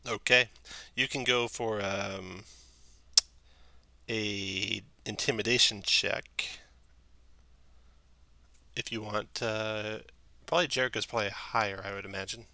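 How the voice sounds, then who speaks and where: A man's voice: fairly low pitch, steady tone, takes it slowly, vocal fry, pauses often, pushed and bright, no echo. A man narrating a tabletop game as game master, describing scenes and sometimes correcting himself.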